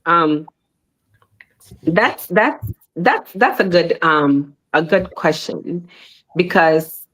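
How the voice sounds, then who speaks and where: Very slowly and with long pauses, a woman talks casually on a discussion panel, animated and prone to repeating herself. Her pitch climbs sharply on her points, and the recording is rough.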